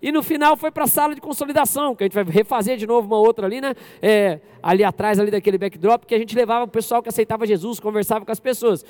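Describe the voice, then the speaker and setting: High-voiced, fast-talking Brazilian pastor preaching. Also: male voice. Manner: animated preaching, addresses congregation directly. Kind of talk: sermon. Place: church service.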